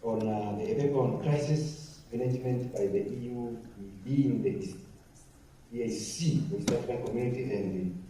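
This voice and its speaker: A man's voice: medium pitch, normal speed, dark tone. A man chairing a conference session, thanking speakers and announcing the next presenters. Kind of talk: moderating a conference panel. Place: conference hall. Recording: echoey hall, mic far off, faint noise.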